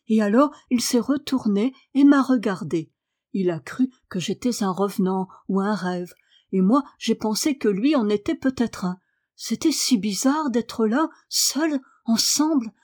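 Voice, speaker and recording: A woman's voice: on the high side, dark tone, natural voice. A woman voicing a willful young girl who speaks firmly and earnestly. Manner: firm, earnest.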